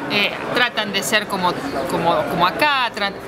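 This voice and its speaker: A woman's voice: mid-range voice, normal speed. A woman, a film festival programmer answering interview questions thoughtfully, with frequent restarts and repeated words. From Argentina. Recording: loud crowd noise behind.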